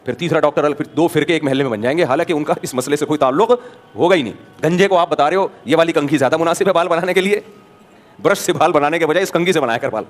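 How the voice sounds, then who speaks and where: Male religious scholar from Pakistan, somewhat high-pitched, with a chatty, anecdotal sermon delivery. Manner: animated storyteller, acts out dialogues, rhetorical questions.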